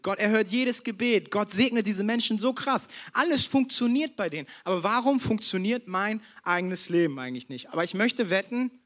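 High-voiced man preaching a sermon. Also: fairly bright tone. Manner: direct, conversational preaching to the listener.

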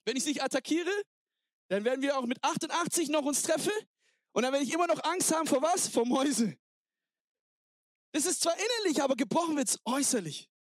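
A married man preaching a sermon, energetic and exhorting, sprinkling in English words. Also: very high-pitched, fairly quick, no room sound, studio quality. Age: adult, married. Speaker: pastor.

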